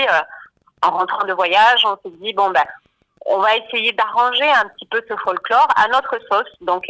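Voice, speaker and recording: An Argentine woman who sings and writes songs for a band is a guest on a radio interview in the studio, sounding hesitant, with lots of fillers and repeated words. Her mid-range voice is pushed and bright, and the audio quality is poor.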